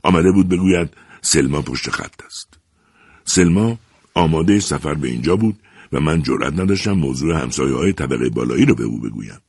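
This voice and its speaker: A man narrating a first-person story with a very deep, gravelly, husky voice. His pitch moves widely as he tells it, and the sound is dry and close. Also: no room sound. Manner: expressive storyteller voicing characters.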